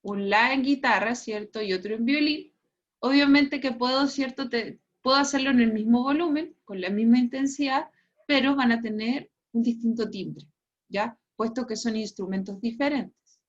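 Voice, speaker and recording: A woman's voice: on the high side, normal speed. Woman teaching a physics class, lo-fi sound. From Chile. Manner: explanatory, tags phrases with "¿cierto?" and "¿ya?", laughs at own jokes. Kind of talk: online class lecture. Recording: muffled lo-fi class recording.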